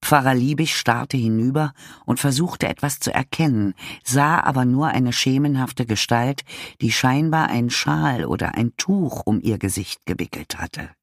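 A man narrating an audiobook in a measured, expressive storytelling manner. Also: medium pitch, no echo, studio quality.

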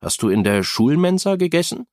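A man's voice: a little high, big pitch swings, fairly quick, darkish tone, dry recording, studio quality, voice pushed up. A man reading aloud, voicing a concerned adult woman who keeps probing a teenager with questions.

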